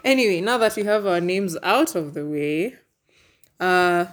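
A woman's voice: on the low side, lively intonation, measured pace. A woman co-hosting a podcast, asking questions in an easygoing, teasing casual chat. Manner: easygoing, asks questions, teases back. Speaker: podcast co-host.

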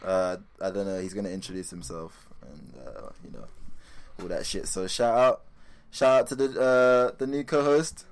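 A man's voice: low voice, normal speed, vocal fry. A young man hosting a comedy podcast in casual, teasing banter full of slang. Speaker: podcast host.

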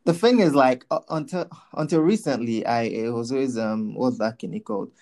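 A male podcast co-host with a mellow, relaxed voice shaped by speech. He talks casually and slangily, with a playful, teasing streak. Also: mid-range voice, normal speed. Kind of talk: casual chat.

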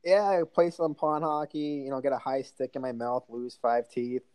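A man's voice: mid-range voice, fairly even intonation, moderate pace, a little mellow, smooth, no room sound. A man who coaches youth hockey, chatting as a podcast guest in a rambling, joking way with lots of fillers. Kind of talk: casual podcast interview.

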